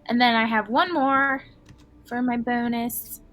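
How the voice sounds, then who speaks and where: A woman's voice: on the high side, fairly even intonation, a little slow, fairly bright tone, a little hiss or hum. A woman player chatting casually as she takes her turn in a tabletop game.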